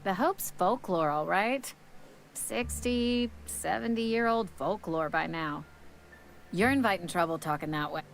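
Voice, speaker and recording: A woman's voice: on the low side, unhurried, vocal fry, slight background noise. An actress voicing a brusque, wary woman bartender from a company frontier town in a video game, with a sassy, curt and dismissive manner. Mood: irritated. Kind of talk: video game character dialogue.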